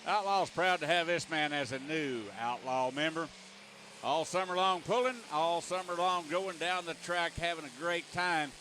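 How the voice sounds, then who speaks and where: A male tractor pull announcer with a high-pitched voice calls the action in folksy, colloquial phrases. He is recorded over loud outdoor track noise and vehicle engines. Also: moderate pace. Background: outdoor ambience and vehicle engines.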